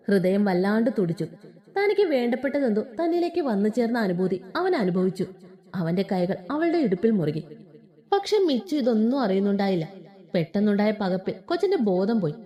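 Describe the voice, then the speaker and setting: Animated woman storyteller. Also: on the high side. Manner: expressive, animated. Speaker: story narrator. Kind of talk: storytelling narration of a romance.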